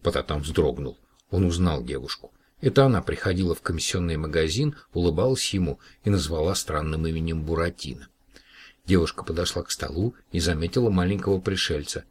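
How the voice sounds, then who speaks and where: A man narrating a children's story aloud, expressive and varying his voice for the characters. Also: sits low, a little fast, a little hiss or hum. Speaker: audiobook reader.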